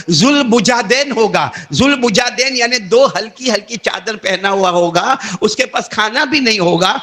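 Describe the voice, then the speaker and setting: A man preaching with a high, lifted voice. He tells the story dramatically, voicing each character's lines and calling out to the congregation to draw them in. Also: a bit bright. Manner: dramatic, acts out dialogue, calls out to listeners. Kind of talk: Urdu sermon storytelling.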